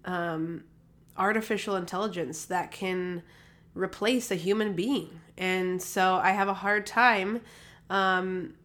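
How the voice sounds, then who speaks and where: A fairly bright, mid-range female voice moves slowly in a steady tone. The speaker, a holistic health practitioner, hosts her own podcast alone, talking casually in a chatty, rambling way with many fillers and restarts. She's recovering from a cold and sounds slightly nasal on her podcast microphone.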